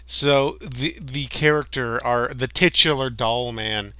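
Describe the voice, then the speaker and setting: A man co-hosting a podcast, riffing on a movie in casual chat, animated and jokey. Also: medium pitch, slow pace, clean tone, no echo. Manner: animated, jokey, riffs and laughs along. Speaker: podcast co-host.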